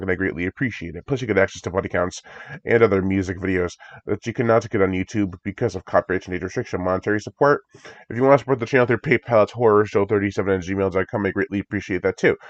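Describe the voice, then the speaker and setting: Low-voiced and congested after a recent cold, a man reacts to a horror movie trailer with enthusiastic rambling and frequent chuckles. No room sound comes through in this dry, dull lo-fi home recording.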